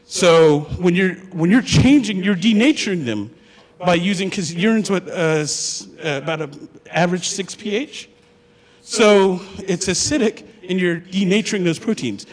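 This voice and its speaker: A man's voice: high-pitched, normal speed. A young man from Hawaii, a student, telling his story to an audience in a chatty, joking way and asking them questions. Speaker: student speaker. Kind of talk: humorous personal storytelling talk. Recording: long hall reverb.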